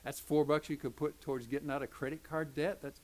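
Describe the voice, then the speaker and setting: A man's voice: a little high, steady tone, a little fast. An older man with an Oklahoma Southern accent, teaching a folksy Sunday school lesson as a pastor, joking and acting out quoted voices. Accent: Oklahoma Southern American.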